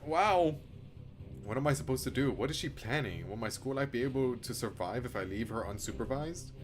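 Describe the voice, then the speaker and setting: A man streams a game, theatrically reading its story aloud and then reacting casually, swearing freely along the way. His mid-range voice is brisk and expressive, with faint music behind him.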